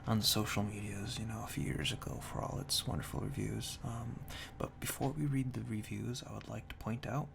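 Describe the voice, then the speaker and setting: Man whispering ear to ear, creaky ASMR. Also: brisk, few pauses. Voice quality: hushed, breathy whisper mixed with soft low murmur. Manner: dry, tongue-in-cheek deadpan. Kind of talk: ASMR whispered reading of product reviews with casual commentary. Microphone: binaural microphone, very close to the ears. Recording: close binaural ear-to-ear mic, faint noise.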